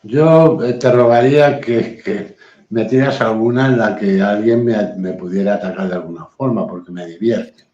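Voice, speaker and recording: A man's voice: fairly low pitch, normal speed, mellow. Man, blunt, assertive, hesitant fillers, muffled lo-fi, echoey room. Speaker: guest. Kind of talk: live-stream conversation. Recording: roomy, dull lo-fi sound.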